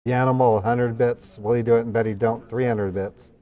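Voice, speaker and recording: A man's voice: mid-range voice, steady tone, fairly quick, dark tone. Lo-fi male streamer reading out subathon hype. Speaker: livestream host. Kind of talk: subathon hype, rapidly reading out donations and thanking viewers.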